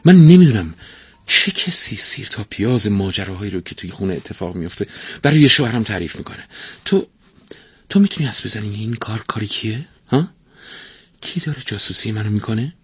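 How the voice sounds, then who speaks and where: Storybook voice: a man plays a quick-tempered, suspicious wife, pitched high and husky. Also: animated, no room sound. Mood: angry. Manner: shrill, scolding, suspicious. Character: hot-tempered merchant's wife, adult woman.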